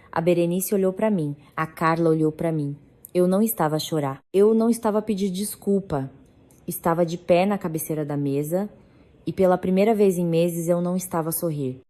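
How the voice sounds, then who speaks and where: A woman narrating a scripted first-person drama story in a measured, dramatic way. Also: fairly low pitch, mellow.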